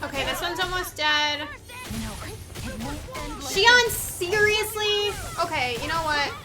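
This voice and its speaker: A woman with a very high, expressive voice speaks slowly as she plays a video game. Her commentary as a let's player is casual, informal, and mildly sweary, with game music and battle sounds behind her.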